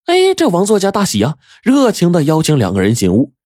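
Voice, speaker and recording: Lively male storyteller. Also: high-pitched, fairly quick, no echo, clean studio sound. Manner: lively, colloquial, with voices for every character. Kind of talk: storytelling narration.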